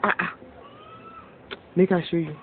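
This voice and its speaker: A woman's voice: fairly low pitch, steady tone, measured pace, a little hiss or hum, close to an everyday voice. A woman with a Nigerian Pidgin accent plays a weary village woman who complains in an exasperated way. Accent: Nigerian Pidgin English. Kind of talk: film drama acting. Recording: tinny lo-fi audio with loud music.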